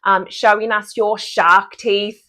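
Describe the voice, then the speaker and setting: An upbeat woman, a speech-language pathologist, explains animal-themed cues for teaching children speech sounds. She talks at an easy mid pitch and acts out each sound as she goes. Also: little pitch movement, slow, bright, forceful tone. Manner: upbeat, demonstrates sounds and gestures. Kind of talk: explaining therapy cues to parents and therapists.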